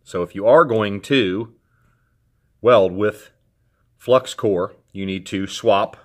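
In an indoor garage, a middle-aged man hosts a casual how-to walkthrough, speaking in a relaxed, plain way and restarting a few times as he explains. His voice is on the low side.

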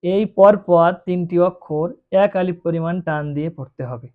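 A Quran reading teacher with a mid-range voice and moderate pace gives a beginner lesson, patiently stretching out each letter sound to demonstrate it. The recording sounds tinny, like a phone.

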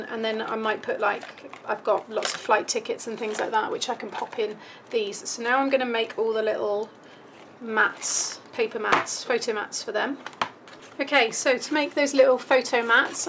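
Over background noise, a British woman with a fairly high voice talks casually through a craft tutorial, step by step, at an indoor craft table. She thinks aloud as she works, and her voice is beginning to give out.

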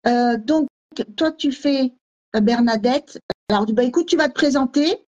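A woman's voice: sits high, unhurried, a little mellow, highs cut off. A woman hosting a live stream as a medium, greeting viewers and reading comments aloud in a scattered way. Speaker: host medium.

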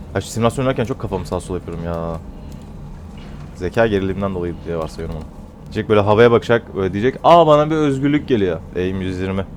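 A man giving casual commentary on his own game, teasing opponents playfully and going loud and high when frustrated. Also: a little hiss or hum. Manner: excitable, trash-talks opponents playfully. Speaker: gamer narrating his own play.

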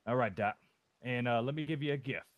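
A man's voice: mid-range voice, fairly quick, narrow, tinny audio. A man playing a rambling, folksy, boastful undertaker in a western role-play over voice chat. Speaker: roleplayer as undertaker.

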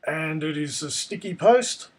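A man presents a casual software tutorial in a noticeably high voice. It sounds husky and croaky, hoarse with a cold, as he talks through each step. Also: animated, unhurried. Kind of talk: casual screencast tutorial narration.

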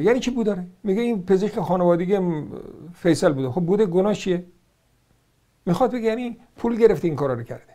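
Combative high-voiced man rebutting point by point. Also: warm tone. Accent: Iranian Persian. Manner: combative, sarcastic, rhetorical questions. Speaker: religious commentator. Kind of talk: argumentative religious commentary.

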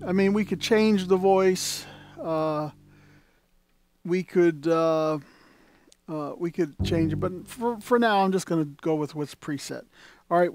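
At an organ console indoors, a man with a slightly mellow voice on the high side shows off an organ in a shop. His casual patter is rambling and packed with fillers and restarts.

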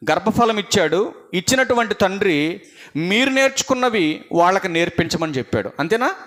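A male pastor preaching a sermon to parents, asking his listeners repeated questions and reading scripture slowly, swinging between loud emphatic lines and quiet ones. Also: high-pitched, animated.

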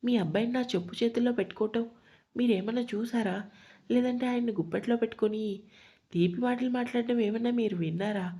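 A woman voicing an outspoken young daughter-in-law who talks back in a sharp, raised voice. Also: on the high side, fast, husky. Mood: defiant. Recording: lo-fi dull sound.

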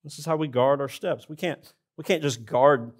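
A man's voice: a little high, normal speed. A man preaching a sermon in a church, speaking earnestly and addressing the congregation directly. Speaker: pastor. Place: church sanctuary.

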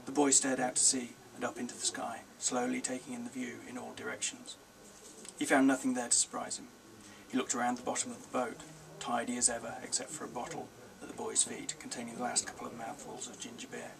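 A man, the author, reading his children's book aloud in a measured, gentle storytelling manner. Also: medium pitch, monotone, gravelly, recorded from a distance, a crowd in the background, low-quality recording. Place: live reading event.

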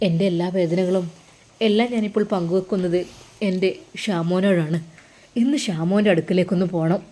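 A woman's voice: on the low side, fairly even intonation, fairly quick, mellow, close to an everyday voice. A woman voicing a remorseful older brother who pleads through tears. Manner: pleading, broken and tearful. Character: remorseful middle-aged man, older brother, weeping.

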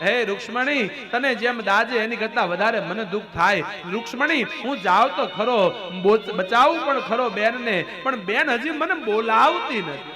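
A preacher voicing a gentle divine king weighed down by sorrow, speaking earnestly to his queen in a devotional tale. Instrumental music plays steadily underneath. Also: very high-pitched, animated, normal speed, pitched above the performer's own voice.

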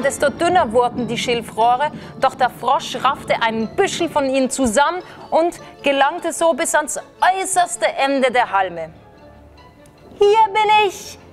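A woman slowly reading a children's story aloud in a gentle storytelling manner. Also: high voice, lively intonation, faint music behind. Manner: slow, gentle storybook narration.

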